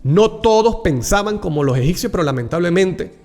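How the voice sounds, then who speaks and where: A man's voice: high-pitched, animated, a little fast, darkish tone. A man preaching a Bible reflection, earnest and personal, calling the listener dear brother. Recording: long hall reverb with faint music behind.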